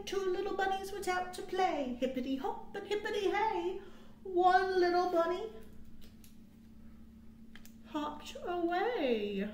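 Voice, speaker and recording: Her very high voice carries sing-song, lingering phrases as this American storytime host in her thirties reads aloud and leads counting rhymes for young children. A webcam mic in a small, quiet indoor room gives roomy sound with slight background noise.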